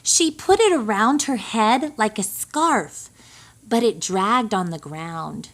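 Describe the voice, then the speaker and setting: Reading a picture book to young kids, she tells the story slowly and expressively in a medium-pitched voice.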